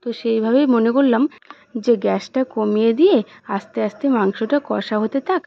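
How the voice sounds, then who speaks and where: Young woman, fairly high voice, casual chat, narrates chores step by step, home kitchen, dull lo-fi recording. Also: a little fast, gravelly. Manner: chatty, narrates her chores step by step to viewers. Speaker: home cooking vlogger.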